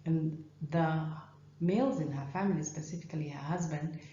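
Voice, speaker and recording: A woman from Kenya whose first language is not English, a professor of ophthalmology giving a measured, clear conference presentation. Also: low voice, mellow, reverberant, highs cut off, a little hiss or hum.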